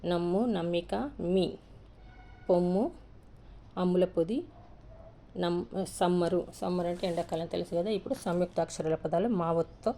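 A woman teacher slowly reading a word list aloud, one word at a time, and explaining how each should be read. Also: lowish voice, warm tone. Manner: slow, deliberate, reads each word separately with pauses.

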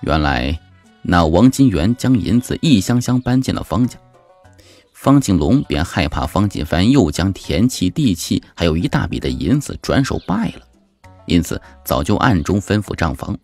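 A man narrating an audiobook novel, lively and animated, lifting his voice for excited characters. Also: normal speed. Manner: lively storyteller, jumps high for shouting characters. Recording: background music under the voice.

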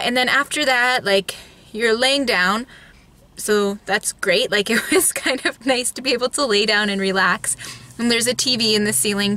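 A woman in her thirties speaks casually to her viewers with a bright, crisp-edged voice and an average pitch. Her mouth is still numb from dental freezing as she chats from the seat of a parked car. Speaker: vlogger. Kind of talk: casual chat to camera. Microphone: camera at arm's length.

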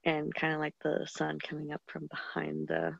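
Gravelly, husky woman explaining a picture, flat voice, muffled dry call sound. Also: sits low, normal speed, no room sound. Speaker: participant sharing a picture. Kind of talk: casual explanation. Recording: dull, dry lo-fi call audio.

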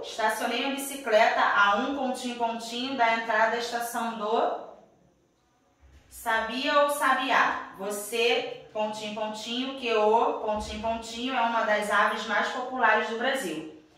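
A woman's voice: fairly high pitch, sharp tone, heavy reverb, distant mic, poor audio. A woman teacher with a Brazilian Portuguese accent reading a worksheet to young pupils, patiently checking in after each step. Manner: refers to herself as "[name]". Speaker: primary school teacher.

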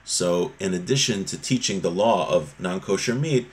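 Speaking at a moderate pace with a low voice and lively intonation, a man around his thirties or forties teaches an informal religious lesson. He reads, explains, and often rephrases what he's said, all from a small room inside a home.

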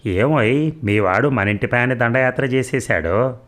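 A man's voice: fairly low pitch, moderate pace, close to an everyday voice. A man voicing a retired husband in his sixties who teases his wife in a wry tone.

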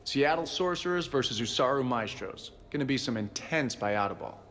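An actor playing an easygoing military pilot with friendly, dry teasing in a video game. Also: male voice, mid-range voice, expressive, moderate pace, fairly bright tone, natural voice. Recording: reverberant room with background noise.

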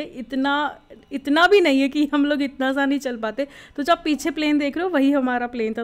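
A young woman narrating her first flight as a travel vlogger, excited and reflective, mixing in English words. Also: on the high side, clear, resonant tone.

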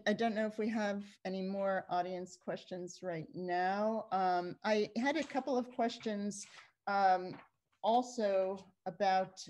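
A woman's voice: mid-range voice, a little mellow. A woman moderating a film festival Q&A, asking questions with frequent ums and friendly prompts.

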